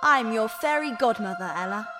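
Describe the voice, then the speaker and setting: A man voicing a kind, gentle female fairy godmother, speaking softly and measuredly. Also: sits high, animated, in a large hall, music in the background, voice pushed up. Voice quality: soft, measured and hushed.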